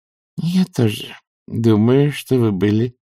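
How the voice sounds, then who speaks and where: A man voicing a plump, cheerful old witch who flatters in a slow, sweet way. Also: mid-range voice, dry recording, clean studio sound. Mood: flattering.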